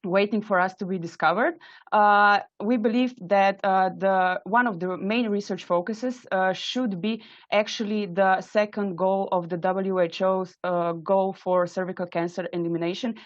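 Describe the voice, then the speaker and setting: A woman's voice: mid-range voice, steady tone, normal speed, dry recording. Woman presenting with many fillers. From Slovenia. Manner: earnest, many hesitant "uh" fillers. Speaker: invited speaker, microbiology trainee. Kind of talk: webinar presentation. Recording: dull, dry webinar audio.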